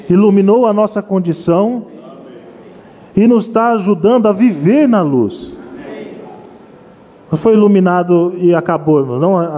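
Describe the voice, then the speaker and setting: In a hall with lingering reverb, a man preaches earnestly, his voice high yet dark in tone. He keeps addressing the congregation as his brothers.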